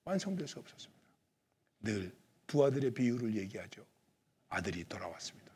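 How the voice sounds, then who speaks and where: A man preaching a sermon, asking his listeners questions, rising to loud emphatic lines and dropping to breathy near-whispers. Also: fairly low pitch, very animated, fairly quick, slight background noise. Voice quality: very husky, breathy. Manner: asks the listeners rhetorical questions. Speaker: pastor.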